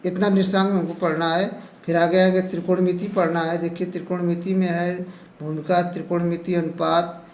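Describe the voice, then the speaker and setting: A male teacher with an eastern Uttar Pradesh Hindi accent goes over a syllabus, listing topics one by one and repeatedly saying "ठीक है". His voice sits high with a darkish tone, flat delivery and moderate pace. The room is echoey and the recording rough.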